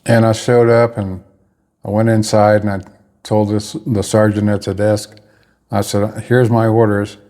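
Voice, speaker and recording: A man's voice: on the low side, monotone, unhurried, mellow. A man telling a personal story in a casual, rambling way, often stopping to correct himself mid-sentence. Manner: rambling, with restarts and self-corrections.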